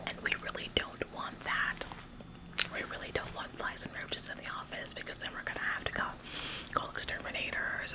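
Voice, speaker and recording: Playing an officious, overeager office worker who carries herself like the boss, a woman performs a whispered ASMR roleplay that is chirpy, fussy and politely bossy. She uses a natural voice, and the audio quality is poor.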